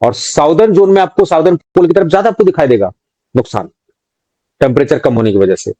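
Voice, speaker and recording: A man's voice: a little high, lively intonation, fairly quick, mellow, no echo, poor audio. A man with an Indian accent teaching an online exam-prep class, quizzing students, reading out their answers and mixing English terms into his talk. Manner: reads out student names and answers, scolds jokingly. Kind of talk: live online quiz class.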